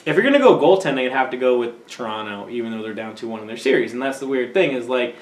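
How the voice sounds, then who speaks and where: A man's voice: mid-range voice, animated, quick pace, roomy sound. A young man co-hosting a casual sports talk show, hedging his picks with lots of fillers and restarts. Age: young adult. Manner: hesitant, hedging, many fillers. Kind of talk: casual chat.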